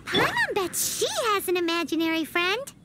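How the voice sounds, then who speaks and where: A woman voicing a small, childlike fairy companion in a video game, excitable and nosy, with a squeaky voice. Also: normal speed, full character voice. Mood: eager. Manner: refers to herself by name, exclaiming and questioning.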